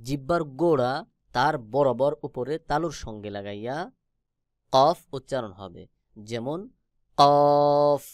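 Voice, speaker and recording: A man teaching Quran recitation, explaining where each Arabic letter is formed and sounding it out slowly several times. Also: medium pitch, no room sound. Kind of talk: slow instructional explanation.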